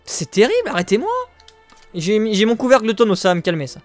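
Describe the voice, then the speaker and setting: High-voiced man joking over gameplay. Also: fast, soft background music. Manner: joking, crude and self-mocking, often laughing; excitable, exclaims at the game. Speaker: streamer. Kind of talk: live gameplay commentary.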